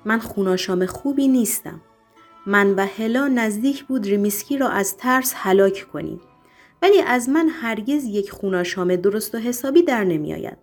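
A woman's voice: medium pitch, animated, soft background music. A woman voicing a timid male vampire henchman in an audiobook, speaking weakly and stammering as he begs. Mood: pleading. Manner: weak, stammering, begging.

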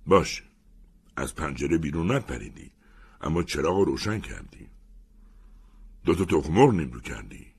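A man reading a story aloud and voicing a gruff, teasing older commander who talks in slow, mocking taunts. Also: very deep voice, full character voice. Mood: wry.

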